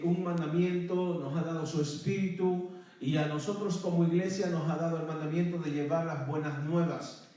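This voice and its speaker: A man's voice: fairly high pitch, mellow. A male pastor preaching a sermon to his congregation, often calling them "hermano" and breaking into praise. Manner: calls out to the congregation, repeats "hermano" and praise phrases. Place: church sanctuary. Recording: very echoey church hall from far off.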